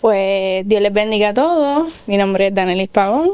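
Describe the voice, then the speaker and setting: A woman, a co-pastor, giving a soft-spoken, hesitant personal testimony. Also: medium pitch, expressive, moderate pace, smooth. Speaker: co-pastor, guest. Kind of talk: personal testimony in a radio interview.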